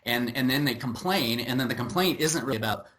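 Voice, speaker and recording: A man's voice: mid-range voice, brisk, fairly bright tone. A man hosting a podcast, chatting casually and trailing into fillers and repeated words. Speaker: podcast host.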